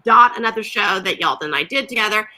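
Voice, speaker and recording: A woman talking casually as a guest on a video-call panel, lively and quick to laugh, with frequent restarts. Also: mid-range voice. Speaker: television executive guest.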